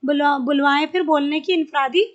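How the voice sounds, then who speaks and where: A woman's voice: high voice, fairly even intonation, muffled recording. A woman teaching an exam-prep lesson, explaining step by step, repeating key terms and mixing in English words.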